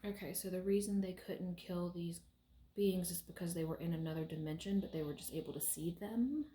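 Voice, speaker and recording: A woman's voice: fairly low pitch, brisk, dark tone. A young adult woman leading a session with casual questions and wry, matter-of-fact asides. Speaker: session leader asking questions. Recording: roomy, echoey sound.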